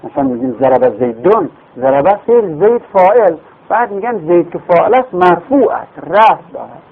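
Gravelly man lecturing over a tinny line. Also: high-pitched, very animated. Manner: explains patiently, repeats terms, asks and answers his own questions. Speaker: teacher of Arabic grammar. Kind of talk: classroom lecture. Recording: phone-like lo-fi recording.

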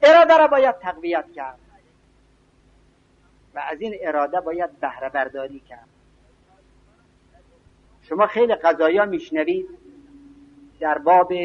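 A preacher delivers an evening lecture in a slow, weighty cadence, often stopping to recite scripture and poetry. His voice sits fairly high for a man, and the recording sounds dull and muffled. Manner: slow, emphatic, quotes scripture and verse.

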